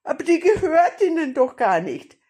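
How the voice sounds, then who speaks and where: A woman voicing an indignant, easily frightened old grandmother in a storybook reading, shrill and protesting. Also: sing-song, moderate pace, mellow. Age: older. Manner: shrill and indignant, then timid.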